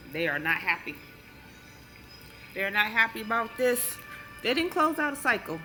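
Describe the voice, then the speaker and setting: A woman's voice: mid-range voice, low-quality recording. A woman doing a casual tarot card reading for her channel, chatting through each card's meaning step by step. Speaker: tarot reader. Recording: music playing under the voice. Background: background music.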